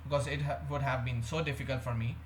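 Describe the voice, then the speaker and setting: A young Indian man vlogs to the camera, speaking fast with a medium pitch and fairly even intonation. His confessional is rambling and hesitant, packed with fillers and restarts. The room is echoey, with a faint hum in the background.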